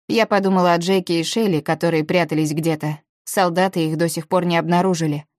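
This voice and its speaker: A woman with a low voice reads a first-person novel aloud in measured, even storytelling. The sound is close and dry, with no room around it. She keeps a steady audiobook pace through the narration. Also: dry recording.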